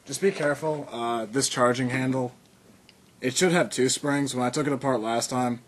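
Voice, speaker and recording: Heavy background noise surrounds a man of medium pitch and moderate pace as he demonstrates a hands-on tutorial for his videos. His casual explanation rambles with fillers and restarts, broken by an occasional cough.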